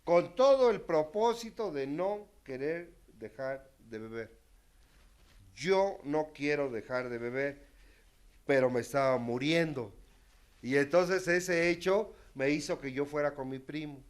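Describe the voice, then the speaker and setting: Man, testimonial talk, higher-pitched, frank and wry, big swings in volume. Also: animated, measured pace, clear, resonant tone. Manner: candid, self-mocking, dramatic swings in loudness. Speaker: speaker sharing his recovery story.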